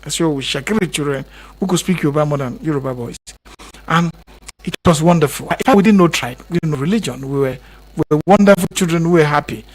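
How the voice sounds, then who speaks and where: A man's voice: on the high side, quick pace. A Nigerian man speaking as a radio guest, impassioned and repetitive, pushing harder as he stresses his points. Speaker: guest commentator. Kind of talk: radio interview.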